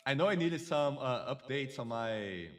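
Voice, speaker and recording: A man's voice: mid-range voice, expressive, normal speed, fairly bright tone, recorded from a distance, faint music behind. A man hosting a casual live stream, chatty and effusive, greeting viewers and a co-host.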